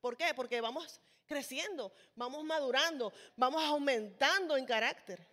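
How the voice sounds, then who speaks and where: A woman preaches with passion, pressing her listeners with emphatic rhetorical questions. Her voice is high and bright, and each phrase trails into the long reverb of a large hall. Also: normal speed. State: sweaty, toweling off. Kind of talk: sermon.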